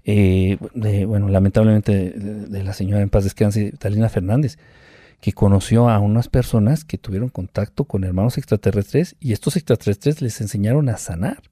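A Mexican man tells his stories with lively energy, jumping up in pitch whenever he acts out what someone said. His voice is mellow and the sound is dry and close. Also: moderate pace, husky, no echo. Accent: Mexican Spanish. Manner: animated storyteller who acts out quotes with sound effects. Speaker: guest, UFO contactee. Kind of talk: casual storytelling interview.

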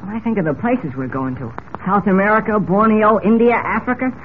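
An actor playing an excitable teenage boy with gushing, boyish talk in 1940s radio drama. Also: sits high, fairly quick. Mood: eager, excited. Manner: gushing, boyish sailor slang. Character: eager, excitable teenage boy cub reporter. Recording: tinny old radio recording, faint noise.

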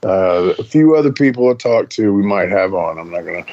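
A man's voice: low voice, expressive, brisk, darkish tone, lo-fi sound, a little hiss or hum. A man hosting a podcast in casual chat, rambling and cussing, with lots of fillers and restarts. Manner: rambling, profane, stop-start with fillers. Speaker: podcast host.

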